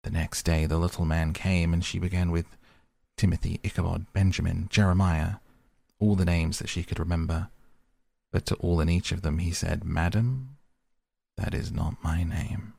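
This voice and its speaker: A man gently reading fairy tales aloud as a calm bedtime story. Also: deep voice, normal speed, creaky, dry recording, studio quality.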